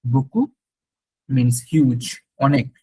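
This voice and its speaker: A man teaching a French class in Bengali mixed with English, repeating each French word slowly. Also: medium pitch, warm tone, breathy edge, no echo, low-quality recording. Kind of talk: classroom lesson.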